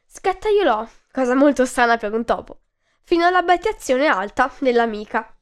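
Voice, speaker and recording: A woman hosting a podcast, reading a children's story aloud in a slow, clear, expressive way. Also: high-pitched.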